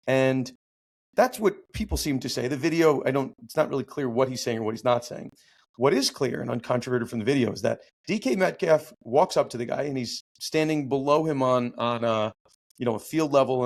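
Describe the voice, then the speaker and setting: A man hosting a podcast, talking through a legal case in a relaxed, conversational way, often restarting his sentences. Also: mid-range voice. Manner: conversational, explains step by step with frequent restarts. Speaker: podcast host and law teacher. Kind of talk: casual legal commentary.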